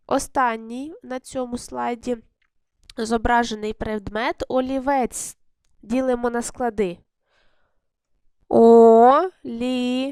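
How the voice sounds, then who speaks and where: A woman's voice: on the high side, smooth, no echo, clean studio sound. A woman teaching a recorded lesson to first graders. She asks the class questions, answers them herself, and stretches words out syllable by syllable. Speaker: primary school teacher.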